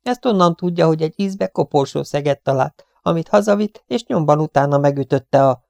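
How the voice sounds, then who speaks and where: Brief: male reader playing a fussy, superstitious stout cleaning lady, high shrill chatter, mellow dry audiobook sound. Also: creaky, dry recording.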